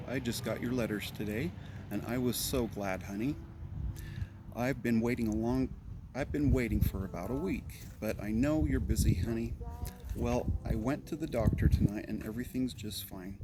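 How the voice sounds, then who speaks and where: A man's voice: fairly low pitch, background noise. An older man reading his parents' old letters aloud, earnestly, with amused comments in between. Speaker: family letter reader.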